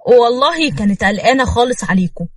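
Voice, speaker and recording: Woman doing an old grandfather, Egyptian accent, fatherly, anxious, husky. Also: fairly high pitch, lively intonation, fast talker, no echo. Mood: worried. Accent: Egyptian Arabic. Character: old grandfather, worried and kindly.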